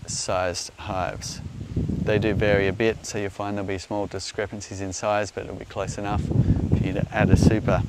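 A middle-aged Australian man explaining things off the cuff in a measured, halting way, recorded outdoors. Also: fairly low pitch. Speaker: beekeeper, presenter answering viewer questions. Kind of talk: unscripted explainer talk. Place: outdoors on an open grassy hillside. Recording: outdoor recording with loud background noise.

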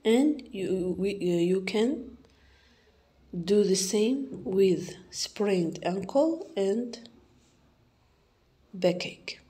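A young woman teacher with an Algerian accent goes through an exam correction, slowly repeating each word to model its pronunciation. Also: medium pitch, animated, dark tone. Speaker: English teacher.

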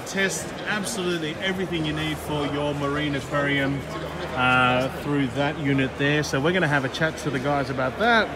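A man's voice: on the high side, fairly even intonation. A man, vlogging a chatty walkaround of an aquarium expo on a handheld gimbal camera. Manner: upbeat, chatty, fast run-through of booths. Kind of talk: walkaround vlog. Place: large indoor expo hall. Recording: noisy hall with background chatter.

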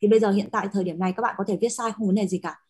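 A woman's voice: medium pitch, fairly even intonation, racing, darkish tone, breathy edge. A young woman teacher, patiently explaining Latin spelling to a class, checking often that students follow. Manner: patient, explains with many fillers and checking questions. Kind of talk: classroom lesson.

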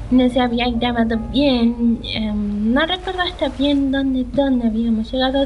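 A gaming channel host gives casual let's play commentary while playing a video game, hesitant and half talking to herself as game music runs underneath. Her voice is fairly high and a little mellow, and the recording is rough.

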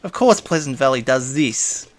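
A man's voice: medium pitch, expressive, normal speed, a little hiss or hum. A man giving casual, rambling commentary while playing a survival game, muttering item names and laughing to himself. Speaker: gaming video host.

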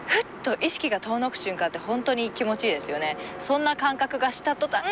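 A woman's voice: fairly high pitch, sing-song, fast, noisy background. A woman recounting an experience in a conversational way. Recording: music behind the voice.

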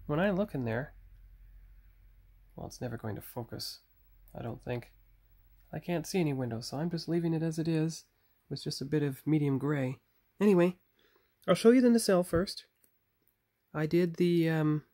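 A gravelly male voice, fairly high in pitch and darkish in tone, belongs to a model builder and channel host. He chats casually with viewers as he paints a model at a workbench, thinking aloud and catching his own mistakes, recorded with a phone camera on a tripod.

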